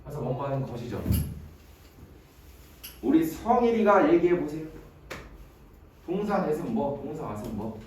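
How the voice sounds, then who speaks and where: Animated male teacher in an echoey classroom. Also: on the high side, unhurried, pauses often. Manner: animated, quizzes students by name, playful mnemonics. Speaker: English teacher. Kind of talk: exam-prep grammar lecture. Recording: very echoey room, voice from a distance, faint noise.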